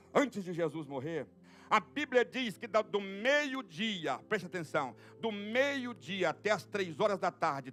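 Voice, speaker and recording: High-voiced preaching pastor, fervent. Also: male voice. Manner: swings from loud shouts to hushed murmurs, speaks in tongues. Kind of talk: Pentecostal sermon. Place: church sanctuary.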